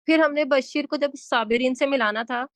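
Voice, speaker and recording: A woman's voice: high-pitched, fairly bright tone. A woman student in a lesson who asks questions politely and addresses her teacher respectfully.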